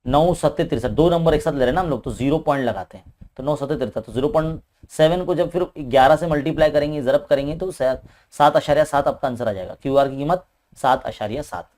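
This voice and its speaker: A man's voice: on the high side, darkish tone. A man with an Indian Urdu-speaking accent, a maths teacher working through an exam paper step by step and often adding a questioning "hai na". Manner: talks quickly. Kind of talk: paper-solving lesson.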